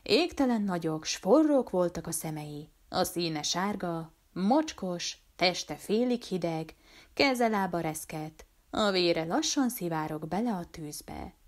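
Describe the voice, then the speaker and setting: A woman reads a short story aloud in a calm, measured way, steady from line to line. Her voice sits a little low for a woman. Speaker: narrator. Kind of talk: audiobook narration of a short story.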